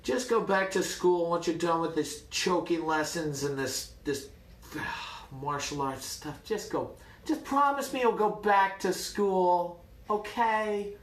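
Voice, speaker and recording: A man voicing his exasperated, fed-up father, pleading in a high, strained voice with sighs, recorded with a roomy echo. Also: animated, takes it slowly, far from the mic.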